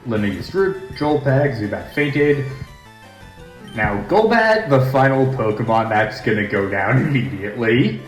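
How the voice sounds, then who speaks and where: A man hosts a let's play at a middle pitch, chatting and joking his way through the game. His voice bounces around a large, echoey room at home. Soft game music sits low in the background. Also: expressive, unhurried. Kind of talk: casual gameplay commentary.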